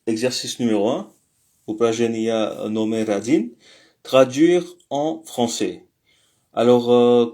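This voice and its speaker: A man teaching a language lesson, explaining step by step with patient pauses, frequent fillers and the odd self-correction. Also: medium pitch, darkish tone.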